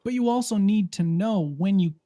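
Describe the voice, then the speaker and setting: A man's voice: sits high, normal speed, warm tone, dry recording. A man who is a parent, co-hosting a podcast and explaining his view thoughtfully in casual chat. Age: adult parent. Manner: thoughtful, explains with many fillers and restarts.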